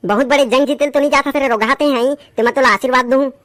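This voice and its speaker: A woman voicing a sharp-tongued village mother in a comic skit, scolding her lazy son in a Chhattisgarhi accent. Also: high-pitched, steady tone, quick pace, dry recording, lightly acted. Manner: nagging, taunting.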